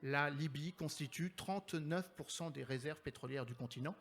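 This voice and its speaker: A man moderating a conference panel in French, formal and wordy, with measured phrasing and deliberate pauses. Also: a little high, a bit bright.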